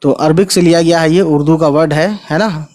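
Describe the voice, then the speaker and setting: Male online Urdu teacher, a bit high-pitched, casual, spells syllables out slowly, keeps checking in with viewers. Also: steady tone, a little mellow. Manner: spells out letters slowly, tags lines with "ठीक है" and "guys". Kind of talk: casual spoken lesson.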